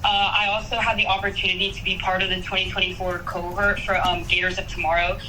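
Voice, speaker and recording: A young woman answers interview questions over a speakerphone, her voice sitting at a distance from the mic. Clear background noise runs under the call. She talks in an eager, casual way, leaning on "like" and "um". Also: fairly low pitch, little pitch movement, quick pace. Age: young adult. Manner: casual, eager, many fillers like "like" and "um". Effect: heard over a speakerphone call. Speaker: student applicant.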